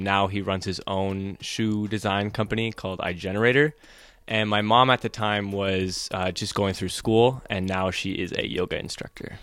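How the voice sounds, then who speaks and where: A young American man guests on a podcast for a casual interview, talking in an easygoing, filler-heavy way. His voice is lowish, fairly bright, clear, and resonant, with no room sound.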